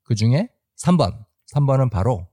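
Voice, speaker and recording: A man's voice: mid-range voice, big pitch swings, normal speed, dark tone. A man hosting a podcast, speaking emphatically and repeating phrases for effect. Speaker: host.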